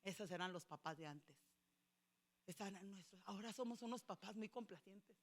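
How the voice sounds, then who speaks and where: A woman pastor preaching a sermon, animated and acting out the voices she quotes. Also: medium pitch, a little fast.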